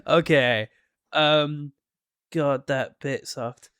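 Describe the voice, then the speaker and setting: A man co-hosting a podcast in casual chat, animated and joking, often breaking into laughter. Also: a little high, extremely slow, clean tone. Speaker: podcast co-host.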